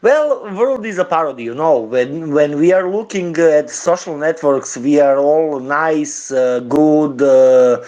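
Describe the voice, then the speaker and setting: A man speaks slowly in a slightly raised voice. He pauses often to search for words and laughs softly between phrases, as a caller in a casual chat. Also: on the high side, muffled recording. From Serbia. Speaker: guest caller. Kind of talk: casual chat on a live audio room.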